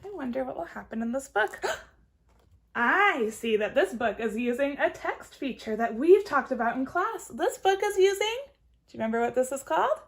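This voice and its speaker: A woman kindergarten teacher reads aloud to young children in an expressive, encouraging manner, pausing to ask simple questions. Her voice is high-pitched and her speed normal.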